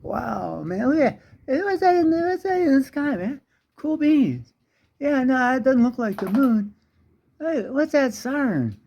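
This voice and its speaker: A man's voice: very high-pitched, big pitch swings, measured pace, vocal fry, a little mellow, highs cut off, pitched above the performer's own voice, full character voice. A man voicing a spaced-out young stoner dude who drawls and hesitates, sounding stoned. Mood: awed.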